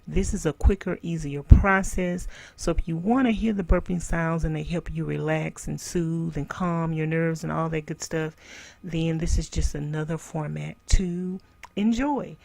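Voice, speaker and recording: Woman, casual vlog chat, fry in the voice, dry recording, addresses viewers directly. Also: low voice, steady tone, a little slow, a little mellow, no room sound. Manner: chatty, loose, addresses viewers as you guys and y'all. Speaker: burping channel vlogger.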